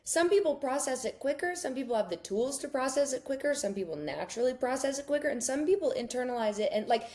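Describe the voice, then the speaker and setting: A woman's voice: high-pitched, expressive, fast, a little mellow. A young woman co-hosting a casual book club podcast, chatty, swearing freely and acting out quotes in little voices. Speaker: podcast co-host.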